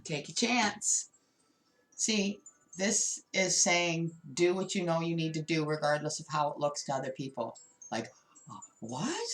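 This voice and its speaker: Sitting low in pitch, this woman's voice is expressive and unhurried as she reads tarot cards. She addresses the viewer directly, with emphatic, repetitive phrasing.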